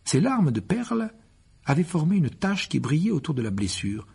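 Male audiobook narrator, gravelly and very husky, expressive storytelling, mid-range voice. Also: fairly high pitch, moderate pace. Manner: expressive storytelling, rising with the action. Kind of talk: reading a fantasy novel aloud.

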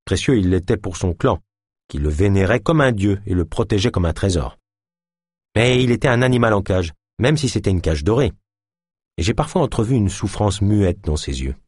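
A man's voice: fairly low pitch, animated, moderate pace, a little mellow, husky, no echo, studio quality. A man reading a novel aloud as an audiobook narrator, telling the story expressively.

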